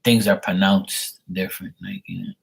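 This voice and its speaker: A man from Bermuda chats on a live stream as a tarot reader, rambling through a story in a blunt, casual way with the odd curse. His voice sits low with a husky grain. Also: flat delivery, measured pace.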